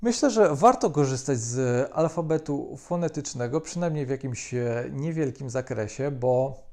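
Calm Polish man with gravelly voice. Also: medium pitch, moderate pace. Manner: calm, methodical, frequent hesitation fillers. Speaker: language teacher. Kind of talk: explanatory video lesson.

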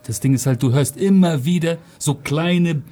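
A man who raps and produces, chatting in a studio with quick interjections. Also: fairly high pitch, warm tone. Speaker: rapper and producer. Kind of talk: casual studio chat.

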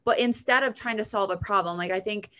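A woman's voice: medium pitch, fairly quick, fairly bright tone. A woman co-hosting a podcast in casual, enthusiastic conversation, recorded in a bathroom. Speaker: podcast co-host. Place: bathroom at home.

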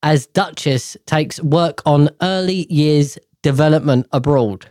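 A man casually reading news stories aloud, tripping over words and breaking off into irreverent, swearing tangents. His voice sits at a middling pitch. The recording is dry, with no room sound. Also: takes it slowly, a little mellow, no room sound. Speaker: podcast host.

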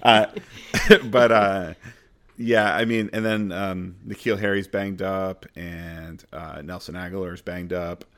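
A man's voice: deep voice, fairly even intonation, takes it slowly, a bit bright. A man co-hosting a fantasy football podcast in casual chat, rambling and laughing at his own jokes.

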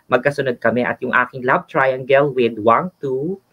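A man's voice: medium pitch, normal speed, husky. A man co-hosting a casual show, chatting in a flamboyant, giggly way. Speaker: co-host and nurse. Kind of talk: casual Taglish show chat. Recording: dull lo-fi sound.

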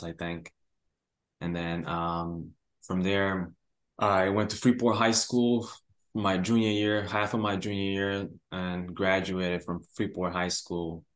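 A young man from Rwanda with a very low, deep voice answers interview questions in a relaxed, halting way. He pauses often and leans on fillers as he talks. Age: young adult. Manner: hesitant, many "uh" and "like" fillers. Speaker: guest, university student.

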